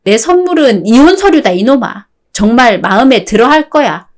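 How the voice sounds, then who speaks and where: A synthetic woman's voice playing a fed-up wife, calm, sarcastic, firm, radio-drama style, slightly high voice. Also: normal speed, lightly acted. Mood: cutting. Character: fed-up wife, cool and cutting.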